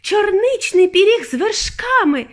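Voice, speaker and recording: A woman's voice: extremely high pitch, very animated, fairly bright tone, pitched above the performer's own voice, heavily acted. A woman voicing a spoiled, greedy girl who draws out her words with relish in a storybook reading. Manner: drawn-out, relishing, bossy. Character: spoiled gum-chewing girl, bratty and greedy.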